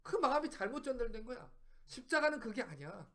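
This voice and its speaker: Bible study teacher, male, very high voice, emphatic and repetitive, keeps asking the room questions. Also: big pitch swings, brisk, pushed and bright. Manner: emphatic, fires rhetorical questions at listeners; repeats phrases for emphasis. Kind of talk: preaching Bible study lesson.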